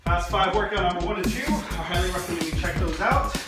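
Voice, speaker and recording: A man's voice: sits high, fast, heavy reverb, distant mic, music in the background. A man who is a PE teacher, coaching a home workout and explaining a game in an upbeat, encouraging way, out of breath.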